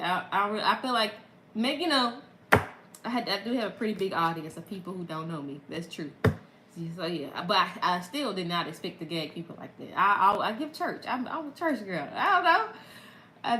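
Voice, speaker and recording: Chatty Southern woman, bright voice. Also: medium pitch, reverberant, a little hiss or hum, rough recording. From Mississippi. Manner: chatty, laughs often, talks straight to viewers. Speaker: content creator. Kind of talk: casual livestream chat.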